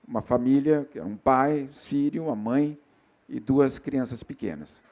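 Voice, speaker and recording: A man with a Brazilian accent moderating a festival panel, telling a story reflectively with pauses and restarts. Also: mid-range voice, darkish tone. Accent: Brazilian Portuguese. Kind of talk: storytelling in a live panel talk. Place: stage at a literary festival.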